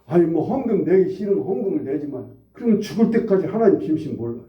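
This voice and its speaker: Brief: male pastor in his forties, conversational sermon, slightly high voice, dull and echoey church recording from far off. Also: lively intonation, quick pace. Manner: conversational preaching, swings from hushed to loud and high. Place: church sanctuary.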